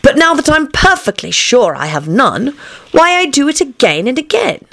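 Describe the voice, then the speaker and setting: A woman's voice: high voice, big pitch swings, moderate pace, vocal fry, a bit bright, dry recording, voice pushed up, heavily acted. A woman playing a spry, testy old father, declaiming self-satisfied comic verse from a storybook. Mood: boastful.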